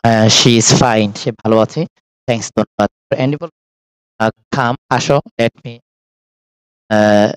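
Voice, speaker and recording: A man's voice: mid-range voice, a little mellow, no echo, low-quality recording. A man with a Bangladeshi accent teaching a textbook English lesson, explaining phrases in Bengali with frequent hesitations.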